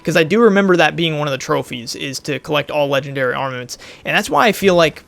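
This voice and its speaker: Gravelly-voiced man chatting over gameplay. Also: a little high, expressive, quick pace, fairly bright tone. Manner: chatty, rambling, thinks aloud. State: losing his voice a bit. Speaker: gaming YouTuber. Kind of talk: casual let's-play commentary.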